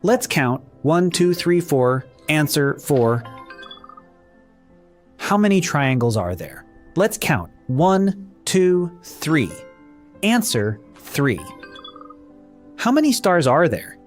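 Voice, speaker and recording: A man's voice: fairly high pitch, sing-song. A man leading a counting lesson for young children, asking how many shapes there are and counting them aloud one by one. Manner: slow, sing-song counting with questions and answers. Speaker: children's math teacher. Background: faint background music.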